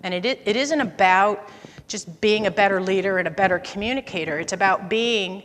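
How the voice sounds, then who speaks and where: Bright-voiced woman presenting in a hall. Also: mid-range voice, a little fast, slight background noise. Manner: conversational, anecdotal storytelling. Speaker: conference presenter. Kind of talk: conference talk. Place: conference auditorium.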